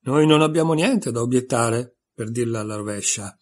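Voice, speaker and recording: A man's voice: mid-range voice, moderate pace, lightly acted. A man reading aloud and voicing a smug, contrary little twin who talks in a teasing, scornful way.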